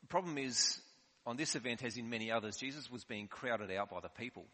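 Male preacher, conversational sermon, bright forceful tone, long reverb. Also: medium pitch, a little fast.

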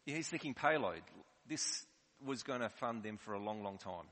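A man's voice: lowish voice, expressive, moderate pace, a bit bright. A man preaching a sermon in a conversational, explanatory way. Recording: long hall reverb.

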